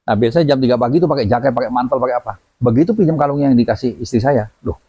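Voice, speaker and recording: A man speaks quickly and tells a story with lively energy, jumping into voices as he goes. His tone is dark and mellow. The recording sounds dull and lo-fi. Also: mid-range voice, husky. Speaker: guest telling testimonies. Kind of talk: animated storytelling. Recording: dull lo-fi audio.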